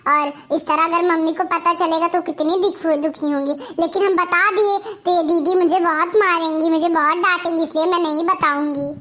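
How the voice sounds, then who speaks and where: A woman's voice: very high-pitched, a bit bright. A woman with an Awadhi-tinged Hindi accent voicing a timid, fearful younger stepdaughter in a cartoon comedy.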